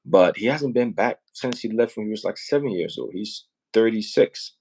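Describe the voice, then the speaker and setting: Speaking at a moderate pace in a lowish, slightly mellow voice, this Liberian man hosts a relaxed live stream urging people to build homes back home. His manner is earnest and persuasive, peppered with "right?" and "you know what I mean?"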